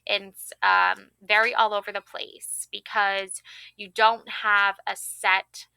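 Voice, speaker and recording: A woman giving a casual, chatty tarot reading, excitable and full of fillers and self-corrections. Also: medium pitch, slow pace, gravelly, smooth. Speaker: tarot card reader.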